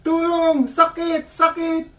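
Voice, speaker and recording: A man voicing a panicked Filipino man in a hospital, who shouts the same short cries for help over and over in a strained, very high voice. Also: monotone, slow pace, heavily acted. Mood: desperate yelling. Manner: frantic repeated shouting, very high.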